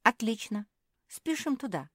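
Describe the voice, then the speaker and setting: An impulsive, eager young dog girl, as a woman puts her on. She talks briskly with a raised, loud voice. Dry, close storybook recording. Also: a little high, sing-song, dry recording, pitched above the performer's own voice. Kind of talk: storybook reading.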